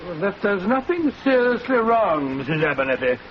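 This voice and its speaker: Doctor Watson, high blustery English gentleman. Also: sing-song, moderate pace. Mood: obliging, professional. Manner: blustery, spluttering. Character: Victorian gentleman doctor, bluff, fussy, good-natured sidekick. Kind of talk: 1940s radio drama acting. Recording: muffled, noisy 1940s radio recording.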